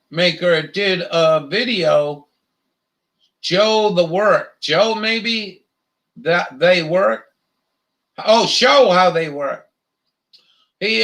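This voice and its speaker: A man's voice: high voice, creaky, bright, forceful tone. A man hosting a livestream, ranting in a heated, profane, rambling way with many fillers. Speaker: livestream host. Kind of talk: angry profane rant.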